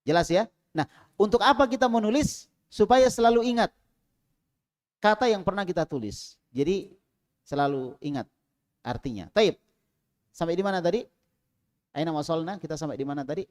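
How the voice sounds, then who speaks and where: A man teaching an Arabic class in a small prayer room, calling on students and drilling them, with loud prompts and quiet asides. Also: sits high, lively intonation, normal speed, long pauses.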